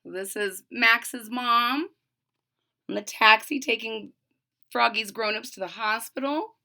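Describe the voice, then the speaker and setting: A woman reads a children's storybook aloud with expression, pausing for explanatory asides to her young listeners. Her voice is a little high, slow and creaky, with a sharp tone.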